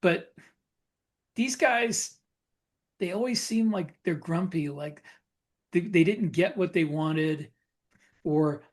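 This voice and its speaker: A podcast co-host and writer chats casually, thinking aloud in a reflective, conversational way. His voice is a little high with a darkish tone.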